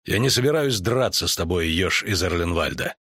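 A man doing a grim monster-hunter in an audiobook, low-voiced and unhurried. He speaks with calm, firm resolve. The sound is dry and close. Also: husky, dry recording, full character voice.

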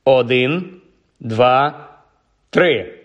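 A man voicing a calm, encouraging middle-aged male wizard teacher in an audiobook reading. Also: medium pitch, very slow, highs cut off. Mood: instructing. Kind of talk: audiobook character voice.

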